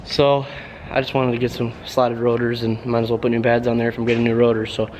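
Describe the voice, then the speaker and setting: A man's voice: medium pitch, completely flat delivery, fast, darkish tone, a little hiss or hum, poor audio. A young man casually talking through his car work in a rambling, laid-back way with lots of fillers. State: out of breath. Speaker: car vlogger. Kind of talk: casual garage vlog. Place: garage by a car, then outdoors in wind.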